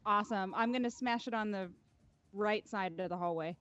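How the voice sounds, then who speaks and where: A woman's voice: mid-range voice, moderate pace, fairly bright tone, no echo, highs cut off. A woman in a casual tabletop game session, upbeat and enthusiastic. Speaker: player.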